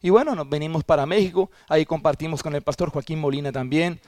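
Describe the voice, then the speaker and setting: A man preaches from the pulpit, his voice sitting a touch high for a man. He tells his testimony earnestly and stumbles over restarts now and then. The sound is close and dry, with no room behind it. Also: a little mellow, no echo. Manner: earnest storytelling, with halting restarts. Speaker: pastor. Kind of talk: sermon testimony.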